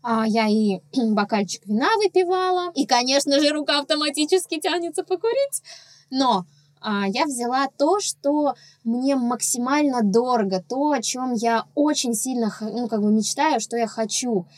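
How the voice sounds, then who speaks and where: A woman's voice: fairly high pitch, unhurried, darkish tone, no room sound. Candid woman blogger, dry sound. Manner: candid, personal, earnest. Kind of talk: casual podcast conversation.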